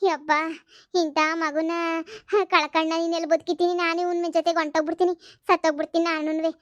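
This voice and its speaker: A woman voicing a rival old woman who claims the dead man as her son, pleading in shrill, stretched wails. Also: flat delivery, fast talker, no room sound, studio quality.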